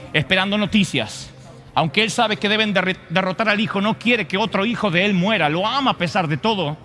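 A male preacher retelling a story in a sermon, dramatic and acting out the voices. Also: high-pitched. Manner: dramatic, acts out voices, shifts loud and soft.

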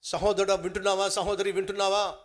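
A male pastor with a fairly high voice, preaching with strong drama. He drops to quiet lines and then bursts out loud for emphasis, acting out a story as he goes. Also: flat delivery, quick pace. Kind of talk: sermon with acted-out story.

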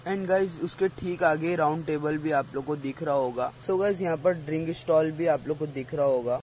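Holding his phone camera at arm's length in a crowded mall restaurant, a teenage guy from India chats through a casual review vlog, constantly addressing his viewers as "guys." He speaks at normal speed in a slightly high, darkish voice. There's a little hiss or hum, and the recording is rough.

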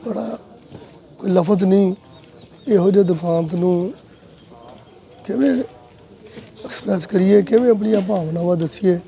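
Older man in his sixties, Punjabi accent, very mellow timbre, creaky, solemn, halting condolence interview. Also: sits high, rough recording. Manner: solemn, halting short phrases. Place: outdoors among a group of people.

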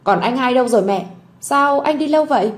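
A woman's voice: sits high, lively intonation, a little fast, voice pushed up. A woman voicing a sweet little girl who is tearful and clingy, in a storybook audio drama. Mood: plaintive. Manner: bright childlike pleading.

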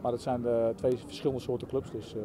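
Fast-talking Dutch football coach, man. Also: mid-range voice, little pitch movement, crowd noise. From Netherlands. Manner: halting, many fillers and restarts. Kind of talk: post-match interview.

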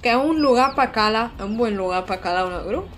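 A young woman, chatting excitedly and casually while she streams a video game. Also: fairly high pitch, a little fast, slight background noise. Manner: excitable, chatty, with frequent squeals and giggles. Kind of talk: casual live-stream gameplay chat.

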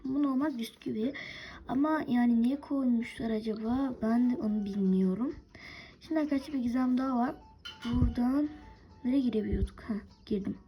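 A woman's voice: on the high side, warm tone, a little hiss or hum, rough recording. A young woman hosting a game video, giving casual play-by-play commentary, chatting to her viewers with forgetful asides. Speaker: gaming video host.

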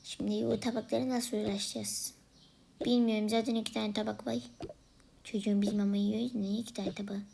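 A woman voicing hushed, gravelly baby sisters. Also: medium pitch, level tone, brisk, a little hiss or hum. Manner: often whispery and hushed. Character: playful baby sisters sneaking to breakfast. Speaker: vlogger voicing toy siblings. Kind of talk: comedic role-play vlog.

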